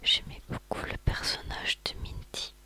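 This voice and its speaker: Slow, breathy library-style ASMR whisper. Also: sharp tone. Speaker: ASMR video host recounting favourite books and films.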